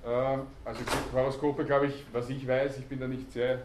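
A man's voice: mid-range voice, flat delivery, normal speed. Male university lecturer, patient and questioning, recorded from the audience in an echoey hall. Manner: explains patiently, quizzes the class, many hesitation sounds. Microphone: student recording from the audience. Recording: echoey hall, faint background noise.

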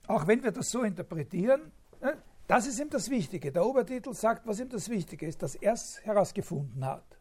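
Gravelly, hesitant male lecturer. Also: sits high, darkish tone. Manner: hesitant, many filler sounds and tag questions; thinks aloud, rephrasing and restarting. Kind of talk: spontaneous academic lecture.

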